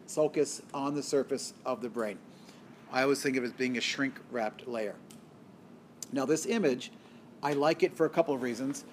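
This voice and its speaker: A man's voice: a little high, slight background noise. A man giving a recorded college biology lecture, explaining step by step and asking questions that he then answers himself. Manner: asks the class questions and answers them himself.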